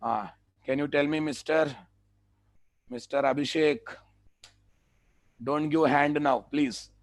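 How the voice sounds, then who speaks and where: Male software instructor, South Indian Telugu-influenced accent. Lighter, higher register, dry close sound, clipped and repetitive live tutorial delivery. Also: steady tone, slow pace, no echo. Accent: South Indian, Telugu-influenced English. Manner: repeats phrases, clipped instructions. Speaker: software instructor running an online class. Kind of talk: live online tutorial, addressing students.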